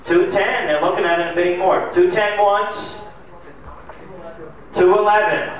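A man's voice: high-pitched, fairly even intonation, measured pace, highs cut off. A man calling bids as an auctioneer, counting up prices steadily and dropping the odd light aside. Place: large hotel function room with seated crowd. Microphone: handheld mic, heard from far back in the room. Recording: echoey hall, distant camcorder mic, crowd murmur.

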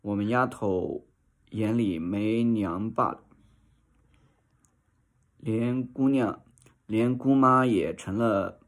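A harsh, angry mother, read by a man berates her daughter without letup. The voice is low and slow-paced, as in a storybook reading. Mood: berating. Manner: berating, shrill-tempered.

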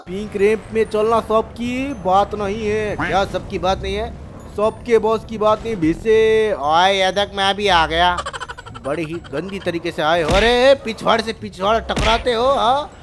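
A man hosting a gaming channel, giving playful gameplay commentary with character voices in an excitable, teasing manner full of exclamations. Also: high-pitched, unhurried, a little hiss or hum.

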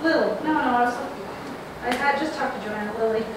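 A high-pitched woman teacher runs through attendance, chatty and apologetic about her slips. She stands away from the mic. The classroom rings with echo and steady noise. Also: a little fast. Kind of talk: classroom talk. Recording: echoey noisy classroom from off-mic.

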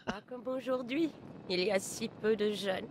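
A woman's voice: mid-range voice, measured pace, slight background noise, close to an everyday voice, poor audio. A woman in a French game dub playing a kindly old woman who rambles and dotes on a young boy. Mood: doting. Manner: rambling and doting.

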